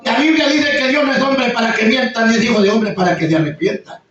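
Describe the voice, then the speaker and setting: A high-voiced male pastor preaches a sermon, jumping to sudden high exclamations and acting out the voices he quotes. He is picked up from well back, so the voice sits deep in a strongly echoing room. The sound is a little dull, with a faint hiss behind it. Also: quick pace, fairly bright tone. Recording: echoey far-off room mic, slightly dull, faint noise.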